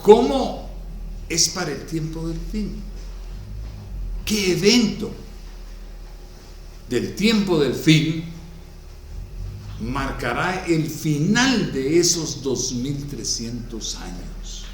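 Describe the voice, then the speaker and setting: A male pastor reads scripture and comments on it in a slow, deliberate sermon. His pitch rises and falls widely as he stresses key words. The recording is heavy with hall echo and carries a faint background hiss. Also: sing-song, recorded from a distance. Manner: reads verses aloud, then comments on them slowly and emphatically. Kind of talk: sermon, reading and explaining scripture. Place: church hall. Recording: very echoey hall.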